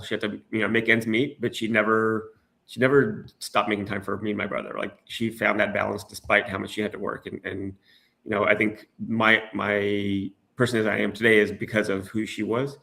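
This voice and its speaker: A man's voice: on the low side, vocal fry, a bit bright. A middle-aged man from the United States, talking as a guest in a casual interview, hesitant with many restarts and fillers.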